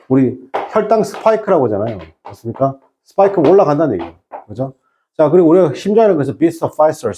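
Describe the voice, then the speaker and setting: A man's voice: medium pitch, mellow. A man teaching an exam-prep English class, firing rhetorical questions and mixing in English terms. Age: 30s or older. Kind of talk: online lecture with an anecdote.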